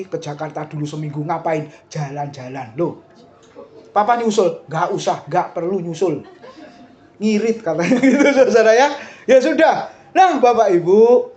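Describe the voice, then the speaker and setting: A middle-aged man with an Indonesian accent preaching a sermon, lively and chatty, often asking the congregation questions. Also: sits high, highs cut off, a little hiss or hum. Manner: lively, talks straight to the congregation with asides and questions.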